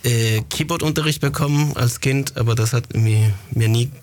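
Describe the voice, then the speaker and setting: A man from Chile talks about playing drums. His voice sits in the middle range, and he pauses often with fillers as he searches for words. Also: mid-range voice, darkish tone. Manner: hesitant, many fillers. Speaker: drummer. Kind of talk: casual interview talk.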